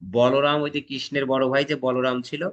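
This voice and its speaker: A man teaching a classroom lecture, demonstrating pronunciation with loud emphatic stresses and often asking students if they follow. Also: mid-range voice, little pitch movement, a little fast, dull audio.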